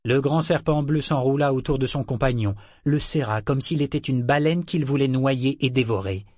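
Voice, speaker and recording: A man narrates an audiobook at medium pitch, telling the story in a measured, even way. The recording is clean studio sound with no room noise.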